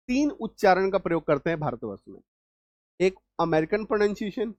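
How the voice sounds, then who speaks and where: A man's voice: sits high, no echo. A male English teacher giving a spoken lesson, explaining patiently step by step and often checking that his students understand. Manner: repeats words and keeps checking understanding.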